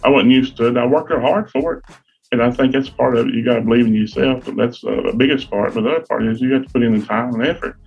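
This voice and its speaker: A man's voice: medium pitch, fast talker, husky, lo-fi sound. A middle-aged man from Virginia, telling folksy, self-deprecating stories as a podcast co-host. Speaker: guest co-host, sales rep. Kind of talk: casual podcast chat.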